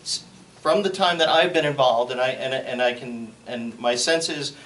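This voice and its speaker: Man, board member, careful halting delivery, repeated words, mid-pitch, distant mic. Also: fairly bright tone. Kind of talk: public meeting statement. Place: public meeting room. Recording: distant mic, faint noise.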